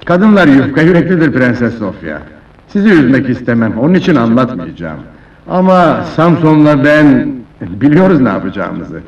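An actor playing a smug, condescending villain nobleman in a dubbed historical film, theatrical and measured. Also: mid-range voice, big pitch swings, a little mellow, far from the mic, lo-fi sound. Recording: echoey old film dub with music.

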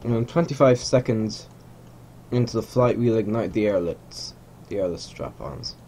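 An animated but unhurried young gamer, Hungarian as his first language, narrates a rocket launch in a game from his small room at home. His lowish voice is mellow, with a little hiss or hum in the background, and he rambles, corrects himself and chuckles as he goes.

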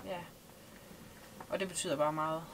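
Woman in her thirties, from Denmark, fairly low voice, hesitant and thoughtful, faint hiss behind. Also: fairly even intonation. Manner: thoughtful, many hesitations and fillers. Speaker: interviewee, liveaboard sailor. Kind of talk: casual interview. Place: small boat cabin, indoors.

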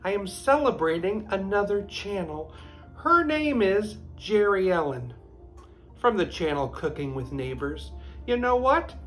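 A man in his thirties hosting a casual home cooking video in his kitchen, with animated, gushing exclamations. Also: sits high, a little slow, soft background music. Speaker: cooking channel host. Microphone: camera at close range.

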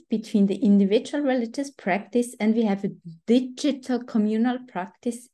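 Speaking from home over a video call, a guest researcher from Switzerland explains her academic work in a presentation. She is in her forties, has a Swiss German accent, and her mellow voice is medium-pitched, recorded through her computer's microphone.

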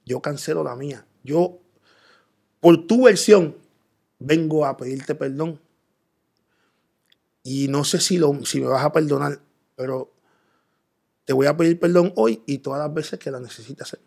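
Man, raised gravelly voice, earnest interview guest recounting his story. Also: a little high, a little slow, long pauses, darkish tone. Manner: earnest storytelling, quoting himself in dialogue. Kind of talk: personal testimony in interview.

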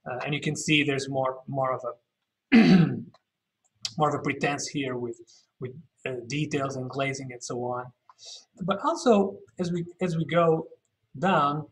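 A man with a medium-pitched voice leads an informal virtual walking tour as an architectural guide, thinking aloud and frequently correcting himself mid-explanation. The audio quality is poor.

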